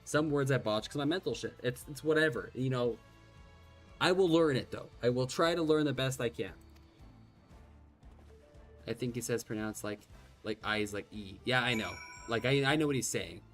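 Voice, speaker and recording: Faint game music sits behind a Gaelic-first-language man streaming a game, whose fairly bright, medium-pitched voice moves at a moderate pace broken by long pauses. He has a slight lisp and chats in a rambling, self-mocking way, swearing occasionally.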